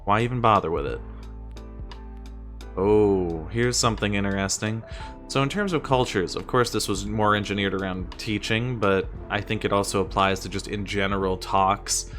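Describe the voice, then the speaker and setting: An American man with a fairly low, fairly bright voice talks at a normal speed, giving presentation tips as a streamer and teacher. He keeps it conversational, asking exasperated rhetorical questions and often supplying the answers, over background music.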